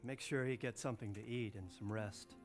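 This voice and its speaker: A man's voice: lowish voice, steady tone, a little fast, music in the background, close to an everyday voice. A man voicing a grave, commanding castle lord. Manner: formal, authoritative orders.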